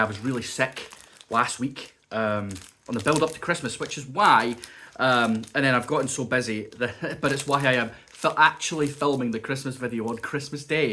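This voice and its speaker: With a medium-pitched voice that sounds pushed and bright, and a little hiss or hum in the audio, a man reviews cheese and crackers at home for a casual vlog. He chats and thinks aloud while tasting. A bug has left him with a lingering cough and some sniffles.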